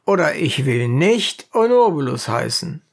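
A woman voicing a confident, assertive man with a low, husky voice. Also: big pitch swings, measured pace, darkish tone, full character voice.

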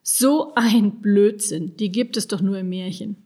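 A woman's voice: mid-range voice, a little slow, mellow, breathy edge. A woman voicing a skeptical, cheeky young boy who scoffs, in a storybook reading. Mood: scoffing.

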